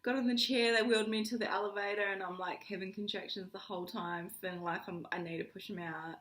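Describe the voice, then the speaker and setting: Young woman, vlogger, chatty storyteller, mid-pitch voice, roomy echo. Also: fast talker. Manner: animated, laughing, acts out quoted lines. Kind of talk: casual storytelling. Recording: echoey room.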